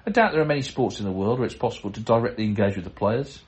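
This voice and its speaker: Chatty man with a low voice. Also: lively intonation, rapid-fire. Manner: chatty, chuckling, self-deprecating asides. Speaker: podcast host reading listener mail. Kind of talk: casual chat and letter reading.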